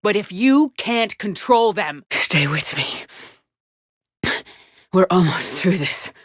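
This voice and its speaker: A woman's voice: fairly low pitch, animated, slow, husky, no echo, studio quality, exaggerated voice. An actress playing a tough, resolute female military space commander in a sci-fi video game, firm, commanding and blunt. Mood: serious. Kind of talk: cinematic sci-fi game dialogue.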